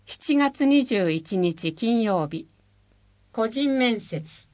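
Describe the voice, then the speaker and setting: A woman reading a city bulletin aloud, slowly and carefully spelling out job listings, contacts and phone numbers. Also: fairly high pitch, no room sound. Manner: slow, careful, even delivery of listings and numbers. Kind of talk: scripted reading of public notices.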